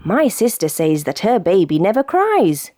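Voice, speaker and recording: A British woman voicing a gentle, unsure male monster in a children's storybook read-aloud, sounding puzzled and questioning. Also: medium pitch, very animated, normal speed, no echo, studio quality, close to an everyday voice.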